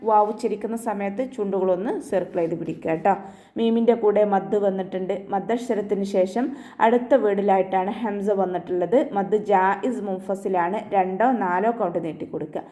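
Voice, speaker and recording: A woman leads an online tajweed lesson on Quran recitation with fairly even intonation, explaining each rule patiently and step by step. She chants verses slowly in a higher, drawn-out voice and softly closes phrases with "ട്ടോ".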